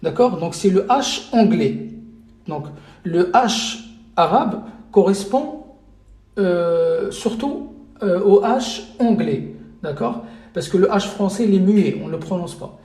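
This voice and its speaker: A man's voice: sits high, lively intonation, takes it slowly, a little mellow, reverberant. A man teaching a live online lesson as an Arabic teacher, hesitant with many fillers and repeated checks that listeners follow.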